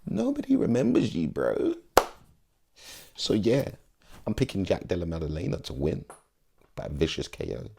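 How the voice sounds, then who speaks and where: Very deep, gravelly-voiced man. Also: wildly swooping pitch, moderate pace, pauses often, dark tone. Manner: slangy, emphatic, pleading. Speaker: MMA vlogger. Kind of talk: casual fight predictions.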